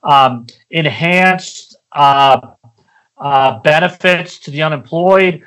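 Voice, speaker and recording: A man speaking as an investment analyst in a podcast interview, explaining in a measured, somewhat hesitant way. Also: on the high side, a bit bright, poor audio.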